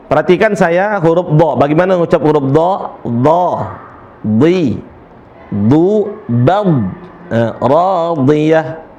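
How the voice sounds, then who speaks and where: A man with a fairly high, gravelly voice leads a tajwid lesson at an unhurried, drawn-out pace. He moves between chanting verses and explaining the rules. He sounds out single letters again and again to correct his students. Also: animated, mellow, slight background noise. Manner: demonstrates letter sounds slowly and repeatedly, then corrects students. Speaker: Quran recitation teacher. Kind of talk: tajwid lesson with recitation drills.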